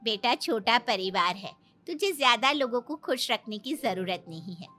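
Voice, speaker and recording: A woman voicing a wise old woman in a cartoon story, giving measured advice. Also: on the high side, expressive, sharp tone, faint music behind. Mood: advising. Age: older. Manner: measured, advising.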